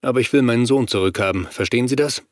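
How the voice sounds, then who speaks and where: A man's voice: medium pitch, fast talker, no room sound, clean studio sound, close to an everyday voice. A male audiobook reader voicing a worried father searching for his missing son, speaking in a tense, urgent way.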